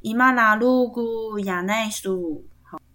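Woman, Taiwanese Mandarin accent, podcast language lesson, slow deliberate pace, spells out letters, patient explainer. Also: a little high, bright, forceful tone. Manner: frequent tag particles seeking agreement. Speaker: podcast host teaching Atayal kinship terms.

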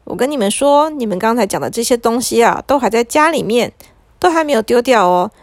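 A kindly storybook magician, breezy and reassuring, always ready to help, voiced by a woman narrator. He sits a touch high and speaks in a dry, close tone. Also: expressive, a little fast, dry recording. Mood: easygoing. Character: kindly male magician in cloak and tall hat.

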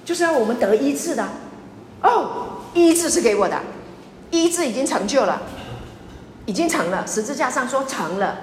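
A woman pastor giving a lively sermon, repeating her points emphatically and often asking the congregation questions. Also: high-pitched, normal speed, long pauses. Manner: repetitive, emphatic preaching with audience questions. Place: church sanctuary. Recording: echoey church hall with faint noise.

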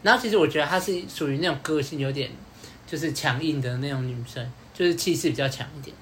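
A man hosting a podcast, telling a story in a casual, animated way, repeating words and acting out what others said. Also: fairly high pitch, fast talker, slight background noise. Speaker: podcast host.

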